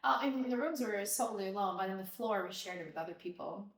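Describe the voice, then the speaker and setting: A woman from Albania hosts a podcast, speaking fast in a mid-range voice as she tells her childhood story reflectively and casually, with many fillers. She's the mother of her co-host, and the talk is a casual personal conversation. The recording sounds roomy, with her distant from the mic.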